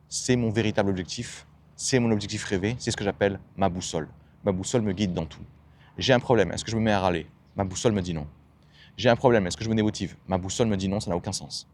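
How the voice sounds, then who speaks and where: A man talks quickly in a fairly low voice. He coaches his listeners in an emphatic monologue. He keeps firing rhetorical questions and dropping blunt slang. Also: darkish tone, slight background noise. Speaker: self-development coach. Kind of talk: motivational monologue.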